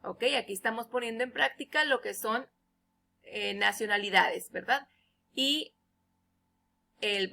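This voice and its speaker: Slow, bright-voiced woman teacher. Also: a little high, creaky. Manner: explains patiently in Spanish, reads English examples slowly and loudly. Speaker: English teacher. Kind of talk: recorded feedback lesson.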